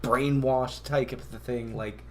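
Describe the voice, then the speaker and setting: This is a man in a relaxed podcast conversation. He rambles through stories, laughs easily and often trails off into quieter mumbles. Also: medium pitch, measured pace, background noise. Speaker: podcast co-host. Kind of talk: casual comedic chat.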